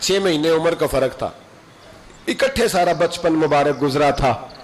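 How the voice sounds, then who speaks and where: A man delivering a storytelling sermon, acting out the dialogue of the people in his stories with sudden rises in his voice. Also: unhurried. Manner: dramatic, acts out quoted dialogue with sudden high rises. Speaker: preacher.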